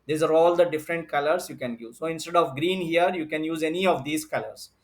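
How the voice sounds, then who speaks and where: Brief: male teacher, fairly high voice, explaining patiently step by step, lots of fillers. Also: fairly quick. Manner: explains step by step, repeats himself, many fillers. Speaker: computer teacher. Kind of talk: online class lecture.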